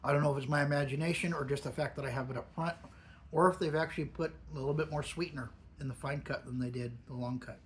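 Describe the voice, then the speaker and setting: A man's voice: on the high side, fairly even intonation, fast talker, slight background noise. A man giving a casual, musing solo video review, talking with a lip full of dip. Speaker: product reviewer. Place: upstairs in a garage.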